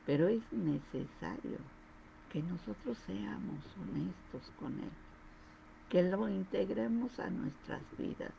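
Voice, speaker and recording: A woman's voice: medium pitch, expressive, slow, creaky, dark tone, slight background noise, rough recording. A woman giving a devotional testimony, earnest and repetitive, talking straight to the listener.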